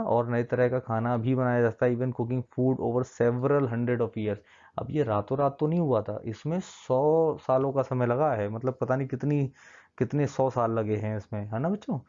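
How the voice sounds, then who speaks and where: Dark-voiced man teaching children, coaxing. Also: mid-range voice, fairly even intonation, moderate pace. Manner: coaxing, keeps checking in with the children; mixes in English terms while explaining. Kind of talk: classroom lecture explaining a map. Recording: dull lo-fi sound.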